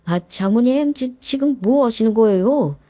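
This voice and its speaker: A woman's voice: fairly high pitch, lively intonation, unhurried, warm tone, no room sound, studio quality. A woman doing a whiny, pushy son-in-law. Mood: pleading. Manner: whiny, coaxing pleading. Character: pushy male son-in-law, wheedling, business-obsessed.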